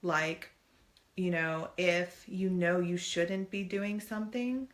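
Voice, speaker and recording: A woman's voice: fairly low pitch, steady tone, takes it slowly. A woman co-hosting a family talk show, chatting earnestly and putting on playful voices for quotes. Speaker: co-host. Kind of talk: casual chat.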